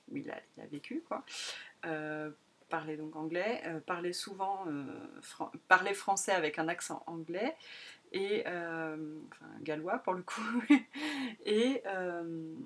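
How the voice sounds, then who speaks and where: A woman's voice: lowish voice, a bit bright, slightly rough. Rambling French woman podcaster. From France. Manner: rambling, many hesitations, self-mocking laughter. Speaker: podcast host. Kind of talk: casual solo podcast chat.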